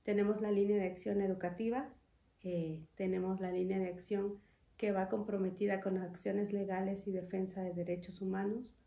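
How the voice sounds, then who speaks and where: Speaking into a stand-mounted desk mic, this foundation representative from Chiapas, Mexico, is a young woman interviewed in a wood-paneled, glass-walled studio that echoes. Her medium-pitched voice is gravelly and warm, moving little in pitch, and she talks in an earnest, measured way with lots of fillers.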